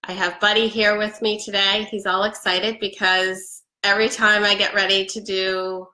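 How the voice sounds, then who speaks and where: A woman in her forties, congested from a head cold, chats casually on a webcam live stream while selling products, with a medium-pitched, level, sharp voice at normal speed. She is upbeat, says um a lot and laughs often. The close webcam picks up an echoey living room with a Christmas tree.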